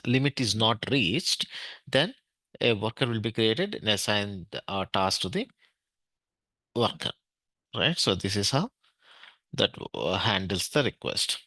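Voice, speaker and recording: Bright-voiced Indian man teaching a tech class. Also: on the low side, animated, measured pace, dry recording. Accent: Indian English. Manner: explains step by step, checks in with "right?", many fillers. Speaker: database administration trainer. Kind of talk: online technical class.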